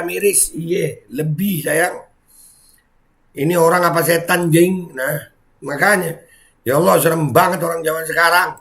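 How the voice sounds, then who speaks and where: A man, doing angry reaction commentary with shouted outbursts, sighs and swearing. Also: a little high. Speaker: vlogger reacting to news.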